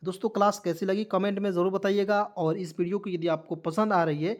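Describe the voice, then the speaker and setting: A man leads a video lesson on English spelling. He spells each word out letter by letter, then repeats it slowly and patiently. He keeps talking straight to the viewers as his friends. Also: high-pitched, fairly even intonation. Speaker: English teacher. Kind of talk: online spelling lesson in Hindi.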